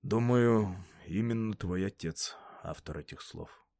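Man playing a brooding roman guy, low and curt, quiet, dry sound. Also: measured pace, gravelly, no echo. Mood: weary. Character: brooding young Roman man, proud and dismissive.

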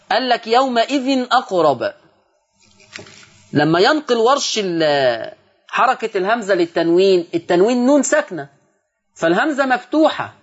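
A man with an Egyptian accent teaching Quran recitation on a televised lesson, explaining quickly and then reciting example words slowly. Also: high-pitched, dull audio.

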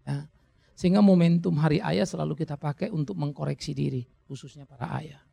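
A male pastor delivers a sermon in church, with a deeply gravelly, creaky voice pitched somewhat high. He talks to the congregation in a relaxed, conversational way and drops in jokes as he goes. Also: brisk.

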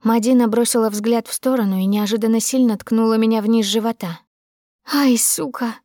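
A woman's voice: a little high, steady tone, a little fast, dark tone, dry recording, studio quality. A woman narrating a tense, dramatic audiobook in the first person.

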